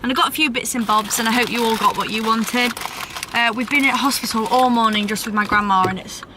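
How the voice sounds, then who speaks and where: A young woman with a fairly high voice talks casually to a camera held at arm's length, rambling and restarting her sentences. She is out on a countryside path, with a faint hiss of noise behind her. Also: fast talker. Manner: chatty, rambling, self-correcting. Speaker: vlogger. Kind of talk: casual vlog chat. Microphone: handheld camera at arm's length.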